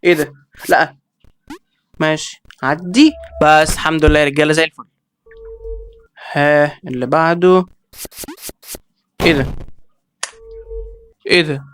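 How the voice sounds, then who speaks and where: A man with an Egyptian accent giving excitable let's-play commentary, reacting with quick exclamations and talking straight to his viewers. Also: a little high, slight background noise. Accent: Egyptian Arabic. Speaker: gaming video creator.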